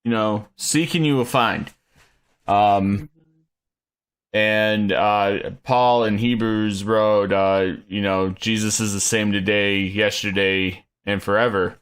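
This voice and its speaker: A man's voice: on the low side, steady tone, slow pace, a bit bright, smooth. A man hosting a podcast, asking his questions hesitantly with many fillers in a casual chat. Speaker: podcast host. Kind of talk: casual conversational interview.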